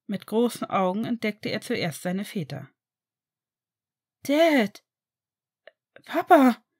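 A woman reading fan fiction aloud in an even storytelling narration. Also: mid-range voice. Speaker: reader.

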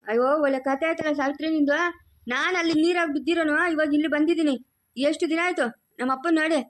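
A headstrong young village lad, voiced by a woman in a family skit. He talks with a rural Chikkaballapur Kannada accent in a high, quick voice. He scolds and insists without letting up. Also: steady tone, lightly acted. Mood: insistent. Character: stubborn young village man.

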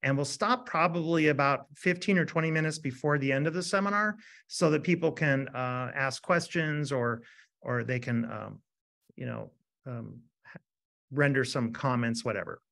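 A man in his fifties, a dentist lecturing in an energetic webinar and often asking the audience a rhetorical "right?". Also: medium pitch, normal speed, vocal fry.

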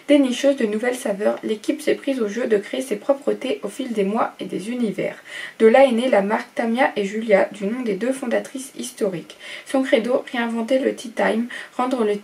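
A woman's voice: fairly high pitch, vocal fry, a little mellow, distant mic, slight background noise. A young woman chatting casually through an unboxing, reading product blurbs aloud with lots of fillers and enthusiastic asides. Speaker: unboxing vlogger.

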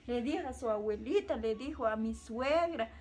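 High-voiced woman, halting testimony. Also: animated, darkish tone. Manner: halting, repetitive storytelling. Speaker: interviewee, mother. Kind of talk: personal testimony.

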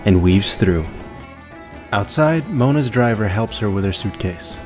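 Male audio describer, lowish voice, measured and matter-of-fact, music bed. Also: expressive.

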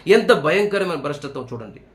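A man preaching a sermon, earnestly questioning his listeners and slowing down to read scripture aloud. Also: a little high, sing-song.

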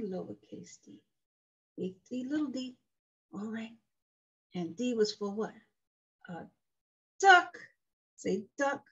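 A woman leading a slow, sing-song circle time lesson for small children, coaxing them to repeat words. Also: fairly high pitch, a little mellow, breathy edge. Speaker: preschool teacher. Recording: dull lo-fi sound with faint music.

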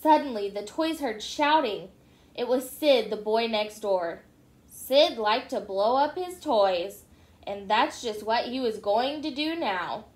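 A woman reads a children's storybook aloud with expressive, animated delivery. Her voice is high, and the room around her echoes. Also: slow. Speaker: storybook reader. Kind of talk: reading a children's book aloud.

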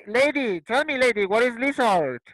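Over a video call, a male primary school teacher leads a first-grade English class, switching between Spanish and English, patiently repeating words and ending lines with "¿cierto?" and "¿listo?" to check in. His voice is very high, with lively intonation and a fairly bright tone, and he speaks unhurriedly; there's no room sound, but the audio is poor.

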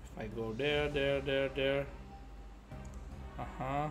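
This young man, a game streamer, takes it slowly with a steady tone in his mid-range voice. Sitting at a gaming desk in an indoor room, he offers casual, playful let's-play commentary, frequently muttering and repeating phrases to himself, while game music and keyboard clicks play behind him.

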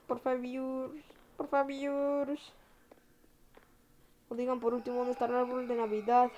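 Brief: woman gamer, lively casual commentary, begs and yelps at the game, slightly high pitch. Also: a little hiss or hum. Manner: excitable, pleading, chatty with viewers. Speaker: gamer playing online.

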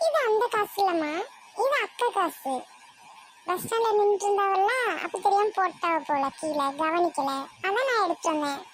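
A woman's voice: extremely high pitch, lively intonation, moderate pace, slight background noise. A woman voicing a young tattletale neighbor boy in a family cartoon, chatty and gossiping.

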